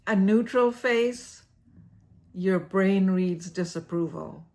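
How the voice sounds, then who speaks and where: A woman's voice: medium pitch, slow pace, darkish tone. A woman hosting an educational series, narrating a scripted explainer in a playful, theatrical way and laughing at her own jokes.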